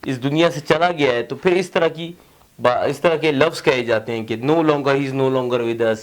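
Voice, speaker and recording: A man teaching English grammar in a casual, conversational lecture, mixing English terms into his explanations and often checking in with his students. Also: mid-range voice.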